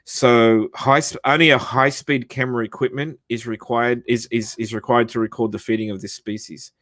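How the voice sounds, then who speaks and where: A man's voice: mid-range voice, little pitch movement, normal speed, a bit bright, no echo. Rambling man, dry close sound. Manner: rambling, swears freely, many fillers and restarts. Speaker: podcast host. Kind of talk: casual chat and reading out facts.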